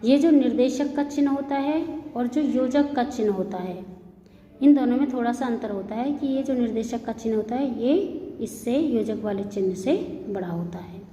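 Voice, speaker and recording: A woman's voice: fairly high pitch, dark tone. Patient woman teaching grammar, echoey room. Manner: patient, explains step by step and reads examples slowly. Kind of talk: classroom lesson. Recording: muffled echoey room with long reverb, faint hiss.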